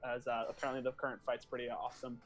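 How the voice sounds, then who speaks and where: A man's voice: medium pitch, level tone, very fast, faint music behind. A man running a tabletop game as game master, narrating loosely with many fillers.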